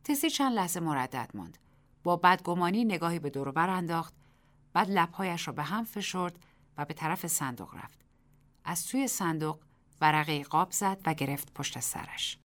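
Woman narrating a story, low voice. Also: expressive. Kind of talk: dramatic story reading.

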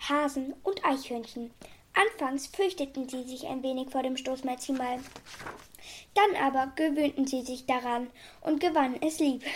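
A woman reading a children's story aloud in a calm, even storytelling manner. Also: sits high. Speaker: narrator.

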